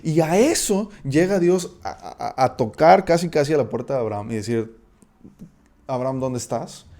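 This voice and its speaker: A man's voice: a little high, very animated, gravelly, dark tone. A man with a Mexican accent giving a casual Bible study talk. He speaks conversationally, often checks in with the listener and restarts his sentences. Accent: Mexican Spanish. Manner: conversational, checks in with frequent tag questions; halting, with repeated restarts. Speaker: Bible teacher.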